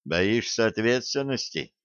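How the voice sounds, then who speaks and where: A man voicing a stern, grief-stricken male battalion commissar with clipped, hoarse military speech in an audiobook character reading. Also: fairly low pitch, lively intonation, unhurried, a bit bright, no room sound, dull audio.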